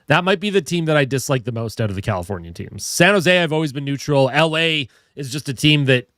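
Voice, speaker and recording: A young man with a head cold, sounding a little tired, greets viewers and reads their comments on a casual hockey live stream. His stuffed-up voice is a little high, expressive, a bit bright, and a little fast, in a dry, clean studio recording.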